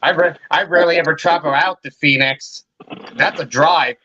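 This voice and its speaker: A man from California's Bay Area, chatting casually, halting and repeating words, quick to laugh. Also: fairly high pitch, fairly even intonation, bright, forceful tone, lo-fi sound, slight background noise. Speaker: co-host. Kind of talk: casual chat.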